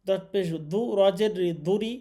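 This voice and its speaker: A man with a Bangladeshi Bengali accent teaching an online Quran reading class, spelling and reciting letters slowly. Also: high-pitched, fairly even intonation, mellow.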